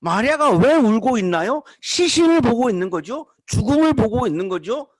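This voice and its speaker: Male pastor, high lively voice, emphatic preaching with rhetorical questions, dry recording. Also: normal speed, no room sound. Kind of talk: sermon.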